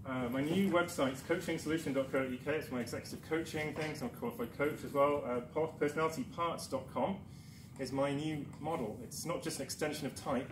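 A man from Newcastle, England, speaks at a conference in a darkened lecture room using a mid-range voice. His presentation is chatty and self-deprecating, peppered with ums and restarts, and the far camera picks up room echo and background noise.

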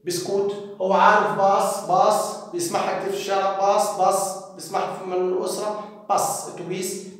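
A man with an Egyptian Arabic accent teaching English words to parents, saying each word again and again and then explaining it. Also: high voice. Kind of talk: spoken English vocabulary lesson for parents. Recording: echoey hall from far off.

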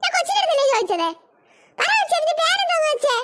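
A cranky old cartoon grandmother, as a woman plays her, snapping and scolding at everyone around her. Her voice sits extremely high and squeaky for an old woman. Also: big pitch swings, racing, a bit bright, slight background noise, heavily acted. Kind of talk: cartoon voice acting.

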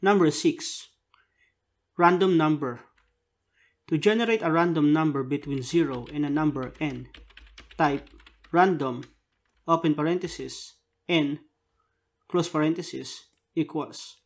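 A man's voice: a little high, unhurried, pauses often. A man narrating a scripted tutorial, dictating step by step and spelling out keys and symbols in short, separate phrases.

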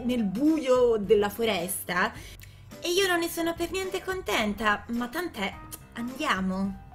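A woman hosting her gaming channel, giving chatty let's play commentary, talking to the game character and quickly getting alarmed with frequent restarts. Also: on the high side, a bit bright, low-quality recording.

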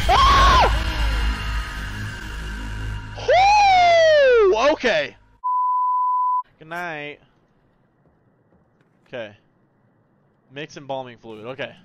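A man in his twenties, a game streamer, reacting live to horror games with excitable, profane chat, frantic repeated words and yelps, on a headset mic at home. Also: mid-range voice, very noisy. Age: 20s. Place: home room, indoors.

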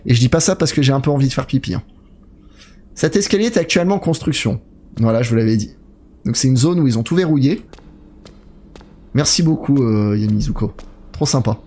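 Male streamer, young adult, mid-pitched, joking and chatty, thanks his chat as he plays. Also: expressive, a little fast, long pauses, dark tone, husky. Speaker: let's play streamer. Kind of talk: live horror game commentary.

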